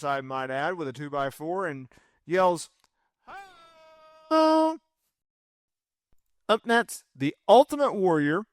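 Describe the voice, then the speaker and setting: A man in his thirties hosting a casual wrestling list video, chatty and quick to correct himself. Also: fairly high pitch, clear, resonant tone, no echo, studio quality. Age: 30s. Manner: chatty, self-correcting, fan enthusiasm. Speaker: wrestling commentary host.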